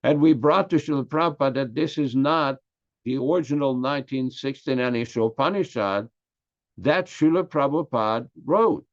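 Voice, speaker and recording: Speaking French as his first language with a Québécois accent, an older man from Quebec delivers an earnest scripture lecture, emphatically stressing key words slowly. His voice sits in the mid range, and the audio is slightly dull and lo-fi.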